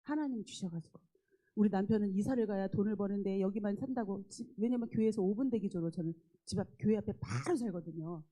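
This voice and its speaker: A middle-aged woman, a gospel singer, giving a church testimony with animated storytelling, acting out her own dialogue with exclamations. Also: medium pitch, fast, rough recording. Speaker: guest speaker, gospel singer. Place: church sanctuary.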